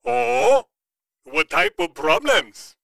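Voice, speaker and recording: A cautious, businesslike alien merchant from a storybook, as a male narrator puts him on. He talks slowly and deliberately in a high, bright, gravelly voice. The recording is dry and close. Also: big pitch swings, dry recording, heavily acted, poor audio. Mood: wary.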